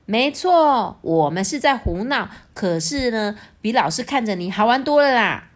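Mom reading aloud as a cheeky lil storybook crow, higher voice, pokey questions. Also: female voice, lively intonation, moderate pace, natural voice. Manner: bright, teasing questions. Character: curious cheeky little crow.

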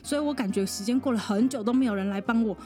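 Lively woman telling a story. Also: on the high side, fast talker, faint music behind. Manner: lively storyteller, laughs often, mimics other people. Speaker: podcast guest, psychologist. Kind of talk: personal storytelling in a podcast interview.

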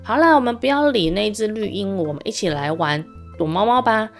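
A woman's voice: medium pitch, lively intonation, a little fast, faint music behind, close to an everyday voice. A woman voicing a friendly, playful little pig in a children's storybook tale, cheerful and coaxing.

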